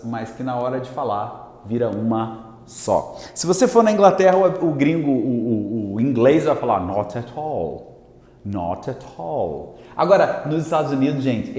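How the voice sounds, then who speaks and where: A man with a Brazilian Portuguese accent teaching an English lesson, repeating example words slowly and checking in with his viewers often. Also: medium pitch, mellow. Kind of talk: language lesson at a whiteboard. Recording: echoey room with long reverb.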